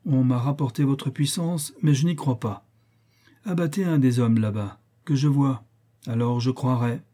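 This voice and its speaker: A man's voice: medium pitch, measured pace, warm tone, natural voice. A man playing a giant tyrant king who speaks bluntly and commandingly. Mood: doubting. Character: giant tyrant African king, suspicious and threatening.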